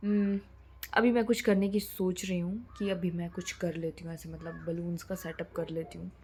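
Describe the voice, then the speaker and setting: A woman's voice: on the low side, little pitch movement, moderate pace, darkish tone, breathy edge. Chatty young woman vlogging. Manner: chatty, mixing English into Hindi, drops to a near whisper at times. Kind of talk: casual chat to camera.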